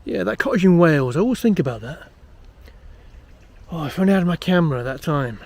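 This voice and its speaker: British ghost hunter guy, kinda high voice, chatty and full of himself but uneasy, found footage horror style. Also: lively intonation, quick pace, darkish tone. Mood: reminiscing, aggrieved. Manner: rambling, self-important, chatty. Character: boastful, uneasy male amateur ghost hunter filming himself. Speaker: paranormal investigator presenting a documentary. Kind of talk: found-footage horror film monologue to camera.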